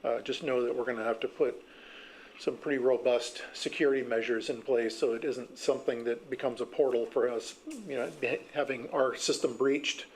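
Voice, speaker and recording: A man's voice: medium pitch, steady tone, normal speed, a little hiss or hum, low-quality recording. A man with a mid-range voice speaks in the council chamber to answer a question. He explains plainly and practically, a city official briefing the council. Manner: explanatory and matter-of-fact.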